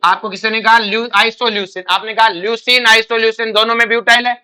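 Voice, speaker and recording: Delivery is fast and flat from a high-pitched male voice that's pushed and bright, clear and resonant. A chemistry teacher coaching for exams, he fires questions, calls students "beta," and repeats their answers back.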